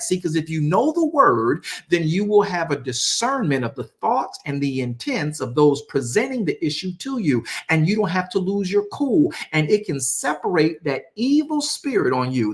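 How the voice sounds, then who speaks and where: A man preaching an online sermon, emphatic and repetitive, asking rhetorical questions and dropping low and soft on key words.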